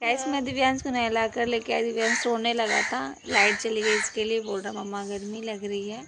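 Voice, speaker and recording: A woman's voice: flat delivery, fairly quick. A young woman and mother talking casually to her viewers in a home vlog, chatty and direct. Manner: chatty, addresses viewers as guys, shifts to high sing-song with her child. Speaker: vlogger, mother. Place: home during a power cut, fan or inverter running. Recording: clear background noise at home.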